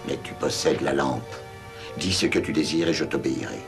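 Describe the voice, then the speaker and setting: A man's voice: a bass voice, moderate pace, over music. An actor playing a solemn, servile male genie of the lamp in a dubbed film, speaking in formal commands. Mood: patient, formal.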